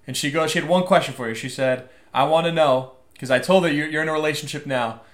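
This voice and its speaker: A man hosting a casual interview as an eager fan, talking like an excited bro. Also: fairly high pitch, quick pace. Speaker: interview host. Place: remote call from a roomy space. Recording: roomy echo on the voice.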